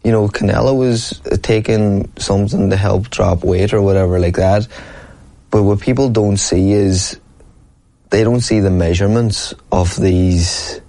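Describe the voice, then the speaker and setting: In casual interview talk, a man who boxes professionally speaks earnestly and at length, frequently tossing in "you know what I mean." His fairly low, dark-toned voice keeps a fairly even intonation at a slightly slow pace.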